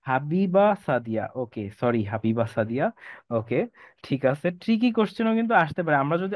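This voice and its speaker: A man's voice: a little high, dry recording. Bangladeshi man teaching an online class. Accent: Bangladeshi Bengali. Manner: reads example sentences slowly and drawn out, calls out student names. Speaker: English teacher. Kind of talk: live online class lecture. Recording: dull, dry, lo-fi sound.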